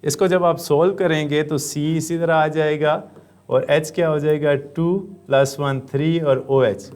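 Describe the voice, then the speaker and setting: A man with a Pakistani Urdu accent teaching a chemistry lesson, explaining step by step and answering his own questions, with frequent "uh" pauses. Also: fairly high pitch, fairly even intonation, a little mellow, clear, resonant tone. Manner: often says "uh". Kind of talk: classroom lecture.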